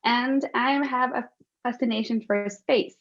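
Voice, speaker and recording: A woman from Chile, upbeat and quick to laugh, answering interview questions. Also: on the high side, steady tone. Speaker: guest, lawyer turned space volunteer. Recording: muffled lo-fi call audio.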